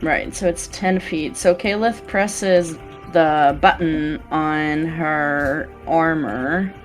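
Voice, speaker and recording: A woman's voice: low-pitched, steady tone, extremely slow, faint music behind. A woman playing a tabletop game, casually talking through what her character does. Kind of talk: casual game chat, describing character actions.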